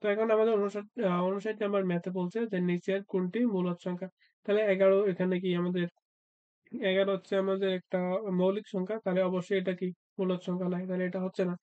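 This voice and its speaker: Fast, flat-voiced male math tutor. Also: high voice, dry recording, dull audio. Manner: asks and answers his own questions, frequent "uh" fillers. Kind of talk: exam-prep math lesson.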